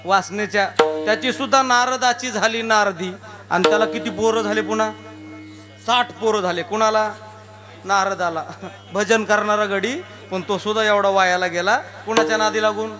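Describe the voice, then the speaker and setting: A high-voiced man from Beed district in rural Maharashtra, a kirtan preacher, delivers a jokey devotional sermon and fires rhetorical questions at the crowd. His intonation stays fairly even and his speed is normal. Tabla and harmonium play clearly behind him.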